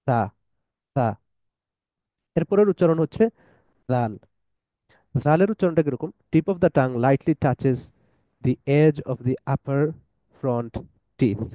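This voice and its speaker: A man's voice: mid-range voice, mellow, no echo. A man teaching a pronunciation lesson, saying each letter sound over and over for listeners to repeat, with English phrases mixed in. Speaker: tajweed teacher.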